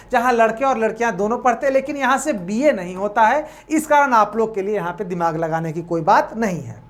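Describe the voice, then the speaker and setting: Higher-pitched woman tutor, self-answering questions. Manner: asks questions and answers them herself, calls students "babu". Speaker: coaching tutor. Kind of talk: online counselling lesson.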